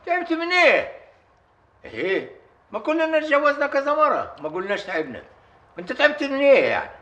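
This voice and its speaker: A stubborn bedridden old chief. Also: male voice, very high-pitched, wildly swooping pitch, brisk, pushed and bright, lo-fi sound, heavily acted. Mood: scolding. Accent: Upper Egyptian. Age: older. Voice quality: commanding, scolding. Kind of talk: period TV drama acting.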